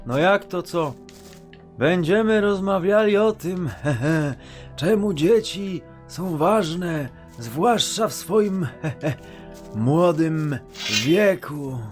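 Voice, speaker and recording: Man playing a sleazy old wizard parody, smug, slow and high, mocking, crude comedy dub. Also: animated, soft background music, heavily acted.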